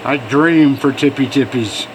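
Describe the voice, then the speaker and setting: A man's voice: medium pitch, a little slow. A man giving a casual hands-on demonstration, thinking aloud informally as he works, with machine noise behind him. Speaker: fossil preparer showing own work. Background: machine hum.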